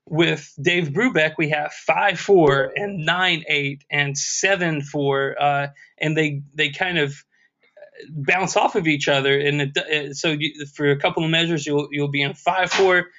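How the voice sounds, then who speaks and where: Halting music lecturer, slightly high voice. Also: male voice, steady tone, sharp tone. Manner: halting, many fillers and restarts, scats rhythms. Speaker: music history instructor. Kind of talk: recorded music history lecture. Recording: dull lo-fi lecture recording.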